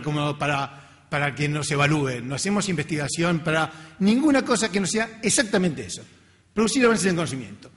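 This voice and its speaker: A middle-aged man with a Latin American accent, working as a research scientist, gives a relaxed, self-deprecating talk in a lecture hall. His voice is high-pitched and a bit bright, and the room sound is reverberant.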